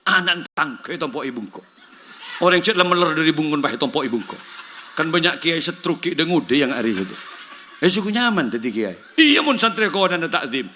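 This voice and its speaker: A man with a Madurese accent delivers a comic sermon through a stage microphone. His voice sits a little high and rings very bright and forceful, with faint background hiss. He tells jokey stories and acts out the dialogue. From Madura, Indonesia. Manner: jokey storytelling, mixing languages, acting out dialogue. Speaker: preacher. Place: outdoor village gathering.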